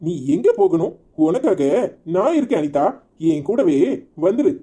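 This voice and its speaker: A scheming husky villager with a Tirunelveli accent. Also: mid-range voice, sing-song, normal speed, mellow. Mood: coaxing. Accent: Tirunelveli Tamil. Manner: coaxing, then bullying. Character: scheming married man, smooth-talking then threatening. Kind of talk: cartoon voice acting.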